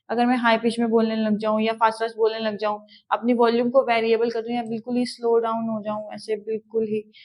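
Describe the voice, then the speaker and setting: A woman with an Indian accent teaching an exam-prep class in a high-pitched voice. She works through each point step by step, poses a question and then answers it herself. Her delivery mixes English terms into her lecture.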